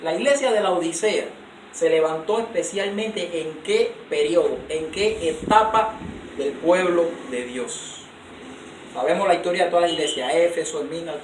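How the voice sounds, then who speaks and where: A man preaching a sermon, emphatic, often putting questions to his congregation and answering them himself. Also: high-pitched. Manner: emphatic, asks the audience rhetorical questions. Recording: roomy, distant recording with faint noise.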